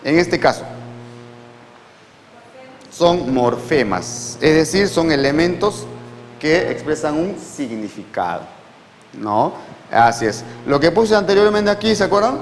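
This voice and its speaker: A man teaching a language class in a slow, patient way, repeating words and checking that students follow. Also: fairly high pitch, expressive, big-room sound, soft background music, poor audio. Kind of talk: classroom lecture.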